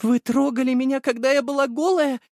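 A woman's voice: high voice, slow, a little mellow, no echo, clean studio sound. A voice actress doing a tearful proud young noblewoman. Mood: indignant. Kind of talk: audiobook character voice.

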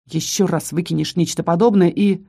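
A woman's voice: fairly low pitch, fairly even intonation, normal speed, vocal fry, mellow, slightly rough, pitched below the performer's own voice. A woman voicing a cruel, cold-nerved male count who snaps orders with irritation. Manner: irritated, icy, snapping.

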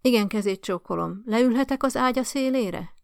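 A polite young woman, as a storybook narrator plays her, talks patiently and gently to a dying old lady. Her voice has a slight gravelly edge and sounds close and dry. She stays courteous and calm, trying to reason with the old woman. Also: fairly high pitch, no echo, voice pushed up. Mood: patient, gentle.

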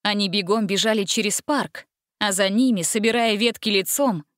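A woman narrating a children's adventure story with a lively, even-paced reading. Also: mid-range voice, moderate pace, no echo, studio quality.

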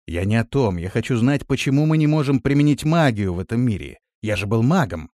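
A male reader plays a reserved man who used to be a mage. He speaks calmly in a natural, lively voice. It is a dry, close audiobook recording. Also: medium pitch, a little fast, no echo, natural voice. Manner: calm, reserved. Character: calm, guarded young man, former mage.

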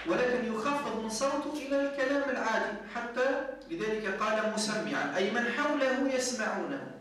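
A man's voice: high voice, a bit bright, a little hiss or hum. A man teaching a jurisprudence lesson, explaining step by step and often asking his students whether they follow. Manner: explains step by step, checks understanding with "clear?". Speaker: sheikh teaching Maliki jurisprudence. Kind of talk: classroom lesson with questions. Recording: echoey room, mic at a distance.

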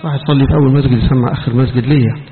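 A man's voice: medium pitch, steady tone, racing. A man with an Egyptian Arabic accent, a sheikh teaching Quran commentary in a mosque, who moves from formal preaching to scolding colloquial asides. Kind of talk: mosque lesson on scripture. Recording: tinny phone-like recording in echoey hall.

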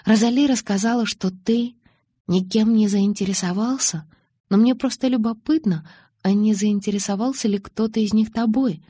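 A woman's voice: mid-range voice, moderate pace, mellow, husky, dry recording, studio quality, voice pushed up, lightly acted. A woman reading an eager teenage girl. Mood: earnest curious. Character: teenage girl, curious, earnest, anxious. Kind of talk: audiobook character reading.

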